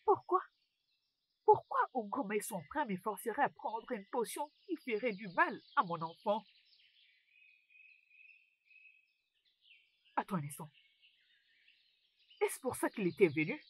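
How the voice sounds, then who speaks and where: A woman's voice: mid-range voice, sing-song, normal speed, husky. A woman voicing a frightened pregnant wife in a French film dub, speaking in a pleading, emotional way. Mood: worried.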